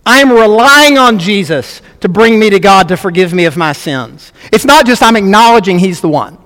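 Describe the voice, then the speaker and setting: Pastor, male, higher voice, emphatic earnest sermon delivery, long hall reverb. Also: lively intonation, normal speed, fairly bright tone. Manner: earnest, emphatic preaching with repetitions.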